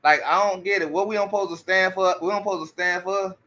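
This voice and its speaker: A man's voice: high voice, steady tone, fast, sharp tone, muffled recording. A man giving casual commentary, often restarting his sentences and repeating rhetorical questions to his audience. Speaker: commentary streamer.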